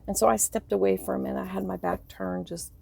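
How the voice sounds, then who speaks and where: A middle-aged woman telling a personal story to camera in a soft, rambling way, grieving, her voice breaking and trailing off. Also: mid-range voice, steady tone, quick pace, gravelly, slightly rough. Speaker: vlogger.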